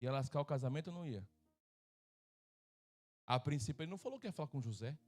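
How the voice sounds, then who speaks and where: A man's voice: fairly high pitch, animated, fast, darkish tone, faint music behind. A middle-aged Brazilian man preaching as a pastor at a church service, joking and acting out voices from his stories. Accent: Brazilian Portuguese. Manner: humorous, acts out quoted voices. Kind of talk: sermon.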